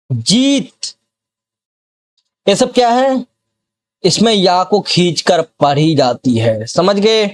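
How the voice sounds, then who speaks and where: Slow-paced, high-voiced male grammar teacher. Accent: Bihar. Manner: slow, repeats example words and keeps checking the student follows. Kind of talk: classroom grammar lesson.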